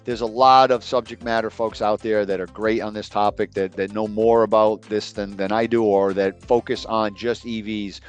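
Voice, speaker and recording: Middle-aged male expert, lowish voice, hesitant and rambling delivery. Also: little pitch movement, moderate pace, few pauses, clear, resonant tone, soft background music. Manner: hesitant, many ums, trailing off. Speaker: guest expert. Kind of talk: casual online webinar talk.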